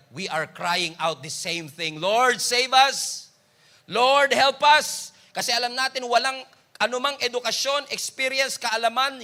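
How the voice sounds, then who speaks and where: A male pastor with a Filipino accent, preaching a sermon in a mix of Tagalog and English that swings between loud exclaiming and low, quiet lines. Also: creaky.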